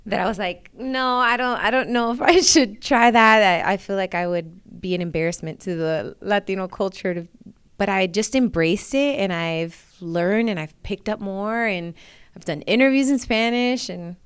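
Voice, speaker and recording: A woman's voice: mid-range voice, moderate pace, clear, resonant tone, no room sound. A woman from New York, a singer and interview guest, chatting casually and laughing often. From New York, USA.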